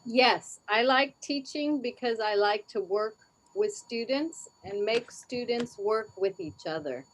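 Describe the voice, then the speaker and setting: A woman's voice: on the high side, measured pace, slight background noise, poor audio. A woman teacher, speaking conversationally in an online lesson.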